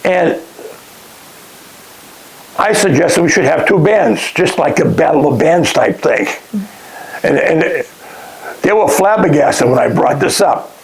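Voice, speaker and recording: Older New man, gravelly and halting. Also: a little high, animated, slight background noise, poor audio. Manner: halting, many restarts, chuckles at his own remarks. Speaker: interviewee, past lodge master. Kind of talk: casual oral-history interview.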